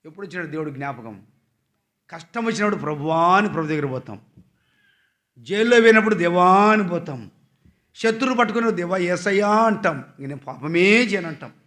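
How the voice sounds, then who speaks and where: A man preaching a Sunday sermon, reading scripture slowly and questioning the congregation, swinging from loud emphatic passages to quiet asides. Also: sits high, lively intonation. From Andhra Pradesh, India.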